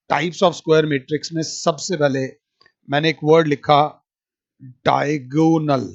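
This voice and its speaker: A man delivers a maths lecture at an unhurried, deliberate pace, moving between Hindi and English. His voice sits slightly high, and he repeats each key point for emphasis. The recording is dry and dull, with no room echo. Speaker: maths teacher. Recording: dull lo-fi audio.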